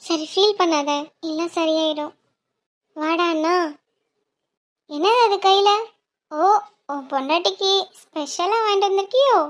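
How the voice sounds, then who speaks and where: A woman voices a cheerful young cartoon girl who teases her brother. Her voice is high and chatty. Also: unhurried, pauses often. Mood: teasing. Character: young female college student, cheerful teasing sister. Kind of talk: cartoon dialogue.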